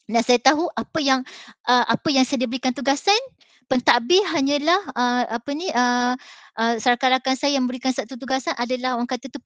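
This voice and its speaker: Malaysian lady teacher talking quick, earnest and animated, lots of ums, dry close sound. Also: on the high side, dry recording, lo-fi sound. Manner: earnest, animated storytelling with many fillers. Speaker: mathematics teacher on a school panel. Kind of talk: motivational talk with personal story.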